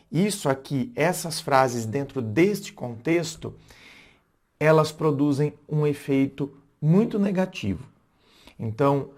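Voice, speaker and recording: A Brazilian man, a philosopher, talking casually about relationships, reflective and rephrasing himself often with fillers and restarts. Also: medium pitch. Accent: Brazilian Portuguese. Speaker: philosopher giving relationship advice. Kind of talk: casual spoken lesson to camera.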